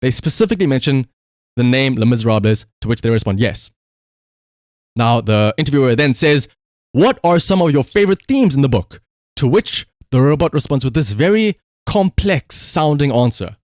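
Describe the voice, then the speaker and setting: This man's mid-range voice has lively intonation, a moderate pace, and a slightly mellow quality. As a livestream host, he gives casual, rambling, emphatic commentary in a conversational style to viewers, recorded as clean studio sound without echo.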